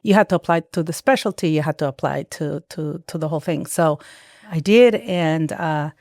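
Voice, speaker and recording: Here a psychiatric nurse practitioner from El Salvador, a native Spanish speaker, appears as a guest in a relaxed interview chat, storytelling with many restarts and quotes she acts out. Her lowish voice is a little mellow and moves at normal speed, recorded on a dry close mic without room sound.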